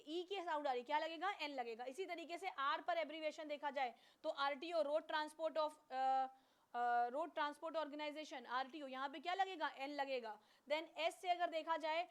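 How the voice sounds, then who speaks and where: A woman teacher giving an online class, who asks questions and then answers them herself, and switches between Hindi and English. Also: high-pitched.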